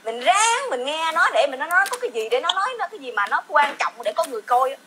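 A woman's voice: sits high, very animated, fast talker, background noise. A woman in her forties with a Southern Vietnamese accent, ranting in a heated, rambling, repetitive vlog with bursts of laughter. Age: 40s. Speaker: vlogger. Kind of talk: heated casual rant.

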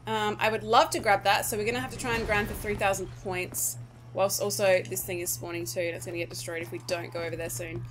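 A woman's voice: medium pitch, steady tone, quick pace, fairly bright tone, a little hiss or hum. A woman giving casual commentary over her own gameplay, nervous, swearing and pleading with the game. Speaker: gaming YouTuber.

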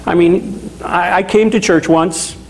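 A middle-aged man from Louisiana preaching a sermon as a pastor in a small chapel, talking in a conversational, animated way with asides. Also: sits high, unhurried, low-quality recording. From Louisiana, USA.

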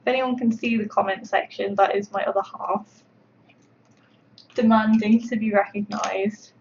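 A woman sculptor talks through a livestream while painting, her voice gravelly with vocal fry. She rambles in an even, flat tone with lots of fillers. The audio is dull and lo-fi, with faint noise underneath. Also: mid-range voice, normal speed. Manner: chatty, rambling, full of fillers.

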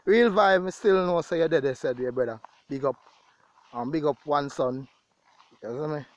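Talking casually to his audience, a farmer with a Jamaican accent records a vlog outside in an open grassy pasture, often repeating phrases for emphasis. His voice leans a bit high, his pace is moderate, and there's no room sound.

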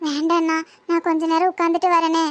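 A woman's voice: extremely high pitch, level tone, quick pace, no room sound. A woman voicing a shy young village bride-to-be who gives hesitant, short replies in a Tirunelveli accent, for a comedy cartoon. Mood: quiet. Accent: Tirunelveli Tamil. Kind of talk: cartoon voice acting.

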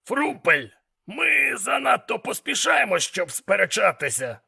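A man voicing a blunt, demanding male demon mentor in an audiobook, gravelly and commanding. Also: high-pitched, sing-song, measured pace, pushed and bright, voice pushed up, heavily acted. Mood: impatient.

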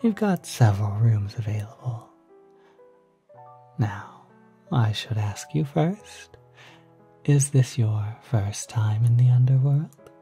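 A performer plays a courteous demon receptionist greeting a visitor in an ASMR roleplay, breathy and smooth, with an inviting, salesman-style calm. The voice is medium-pitched and animated, unhurried and mellow, though something faintly insidious lurks under the politeness. Music plays beneath it all.

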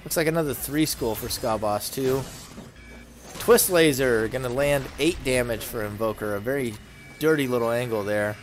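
A man commentating a video game tournament, calling the action play by play with brisk, excited energy. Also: medium pitch.

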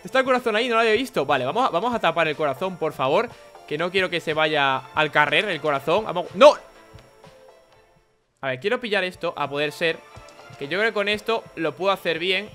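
A young man with a Spain Spanish accent, giving excitable, chatty gameplay commentary and laughing often. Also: a little high, a little fast, soft background music. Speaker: gaming YouTuber.

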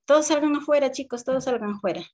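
A woman's voice: medium pitch, measured pace, darkish tone, lightly acted. A woman with a Peruvian accent playing a harsh, scornful female schoolteacher who scolds in a raised voice. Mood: ordering. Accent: Peruvian Spanish.

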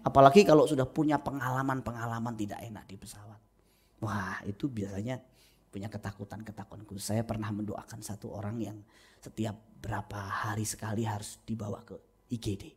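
A middle-aged man, a pastor, preaching a humorous sermon in a church, telling stories with lively acted-out quotes. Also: on the low side, quick pace, husky. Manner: animated storytelling with acted-out quotes. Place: church sanctuary.

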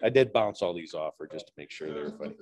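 Middle-aged man telling dad jokes, lively intonation. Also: a bass voice, quick pace. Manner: telling dad jokes with setups, punchlines and chuckles. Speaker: speaker at a public speaking club. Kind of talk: humorous prepared speech, telling dad jokes. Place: large indoor meeting room with low ceiling.

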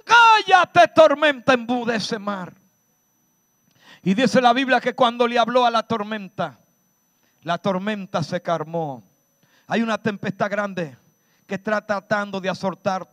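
High-voiced man preaching a fervent sermon. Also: no room sound. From Dominican Republic. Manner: preaching with sudden shouted peaks and dramatic slowing. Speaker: pastor.

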